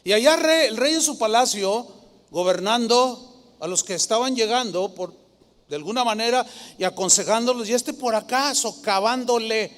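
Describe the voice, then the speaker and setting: A man preaching a Sunday sermon as pastor, dramatic, with sugary impressions of flatterers. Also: very high voice, normal speed, in a large hall.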